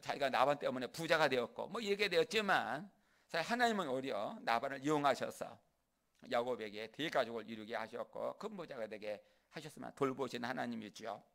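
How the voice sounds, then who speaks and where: Korean pastor preaching, animated delivery. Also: male voice, medium pitch, a little fast, vocal fry. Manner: acts out biblical characters' lines in quoted speech, lively and conversational; leads the congregation in call-and-repeat phrases. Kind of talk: sermon.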